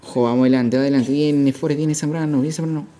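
A man's voice: mid-range voice, steady tone, quick pace, a crowd in the background. A man streaming a football game live, calling plays like a sports caster and repeating phrases in chant-like bursts. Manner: playful hype shouts.

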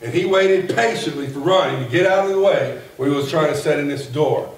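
A man in his forties preaching a sermon from a pulpit in a folksy, animated way that builds to a shout. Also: a little high, fairly quick. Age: 40s. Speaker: pastor. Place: church sanctuary, at a pulpit. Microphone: far camera at the back of the room. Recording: echoey church from far off, faint hiss.

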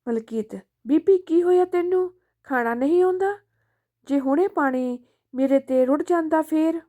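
A woman's voice: a little high, measured pace, dark tone, lightly acted. A woman voicing a grown son who is short-tempered and scolds his mother, in a storybook reading. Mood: scolding.

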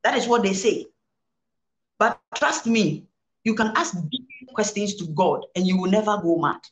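Recorded in an echoey room at low quality, a woman reverend with a Ghanaian accent speaks at medium pitch and normal speed on an indoor studio set. She is a guest answering interview questions in a preaching style, switching between English and Twi and repeating phrases for emphasis.

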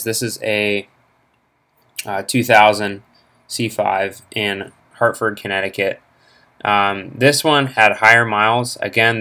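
Young guy, lowish voice, rambly casual car vlog talk, laptop mic at home. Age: young adult. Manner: relaxed, rambling, lots of fillers. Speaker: car vlogger. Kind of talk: casual screen-recorded commentary. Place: home room, indoors. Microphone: laptop internal mic.

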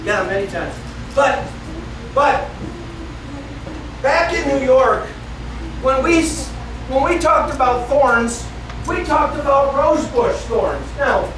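A man's voice: extremely high pitch, animated, slow pace, pauses often. A middle-aged man from the northeastern United States teaching a Bible lesson to children, telling the story and asking them questions as he moves about a church classroom. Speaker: children's Sunday school teacher. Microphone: far camera. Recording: echoey room from far off with noisy background.

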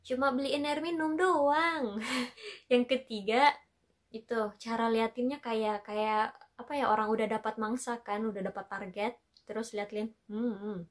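A young woman from tells a casual storytime vlog. Her voice sits a little high, and she talks in a chatty, playful way with frequent laughs. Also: fairly even intonation, unhurried. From Makassar, Indonesia. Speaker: vlogger.

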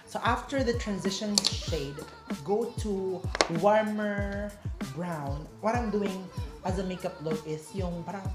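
A man's voice: high-pitched, unhurried, hardly any pauses. A tipsy young Filipino man with a Filipino accent giving a casual makeup tutorial that mixes English and Tagalog. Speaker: makeup artist and vlog host. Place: small indoor room, seated at a table. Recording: echoey room with music behind.

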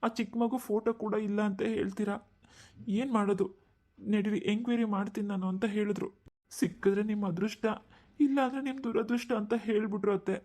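Cartoon role: earnest young son-in-law, mellow and reassuring, voiced by a woman. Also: medium pitch, fairly even intonation, brisk, close to an everyday voice.

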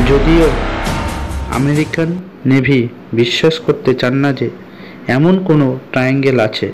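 A man hosting a video channel, narrating a scripted explainer in a steady, informative way. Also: mid-range voice, slight background noise, poor audio. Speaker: channel host explaining a mystery.

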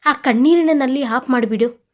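A man's voice: very high voice, normal speed. A woman voicing a playful, teasing young man recovering in hospital, reading a romantic audio story. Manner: teasing, light banter.

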